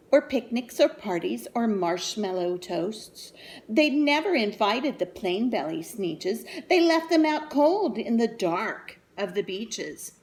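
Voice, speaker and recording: Her voice is a little high with a darkish tone, and a faint hiss or hum sits underneath. She's a teacher reading a picture book expressively to children, stopping for chatty asides to the little ones.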